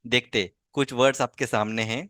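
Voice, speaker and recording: A man's voice: mid-range voice, steady tone, normal speed, fairly bright tone, no room sound, studio quality. A man teaching a child over a video call, patient and coaxing, checking in often with little tag questions. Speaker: language teacher. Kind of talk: online tutoring lesson.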